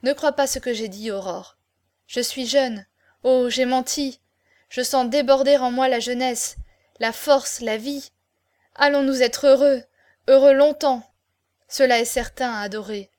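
A woman's voice: medium pitch, moderate pace, few pauses, close to an everyday voice. A woman reading the part of an ardent young male swordsman in love, with impassioned declamation. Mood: passionate. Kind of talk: audiobook character reading.

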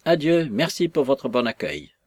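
A man's voice: mid-range voice, sing-song, moderate pace, darkish tone, no echo. A man voicing a jovial, glib young man who talks with a hearty laugh.

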